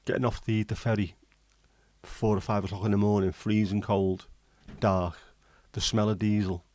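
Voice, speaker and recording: A man from England chats on his livestream and responds to live comments, wandering off with ums and restarts. His pitch is fairly low and a little mellow, his delivery flat at normal speed, with no room sound.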